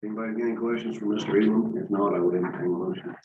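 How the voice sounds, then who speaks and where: An American man chairing a formal meeting, reading out agenda items in a brisk, businesslike manner. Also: on the low side, fairly even intonation. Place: echoey meeting room, picked up from afar. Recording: echoey room, distant mic, dull, noisy.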